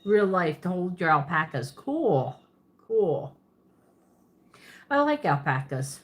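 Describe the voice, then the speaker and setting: A lowish, sing-song woman's voice that takes things slowly belongs to this Pennsylvania livestream host. With her Pennsylvania Dutch accent and Southern twist, she rambles casually as she answers viewers, chatting, laughing often, and self-correcting.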